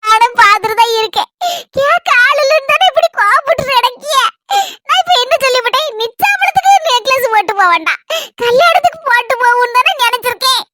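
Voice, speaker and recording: A woman's voice: very high voice, quick pace, pushed and bright. A woman with a Kanyakumari Tamil accent playing a harried housewife who rants in long grumbling runs in a family comedy skit. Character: harried housewife and mother, complaining.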